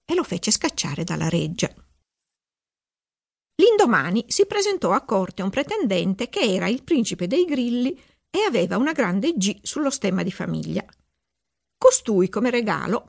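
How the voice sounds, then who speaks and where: A woman narrating her own children's audiobook in a playful, expressive way. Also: mid-range voice, moderate pace, creaky, slightly rough. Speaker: author reading her own book.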